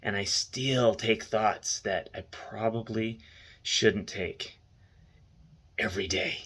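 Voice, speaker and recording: Bright-voiced middle-aged man, casual and earnest. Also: fairly low pitch, slow, breathy edge. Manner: earnest, conversational, uses "man" and "dude". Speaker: host of a music reaction vlog. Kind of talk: casual rambling chat to viewers.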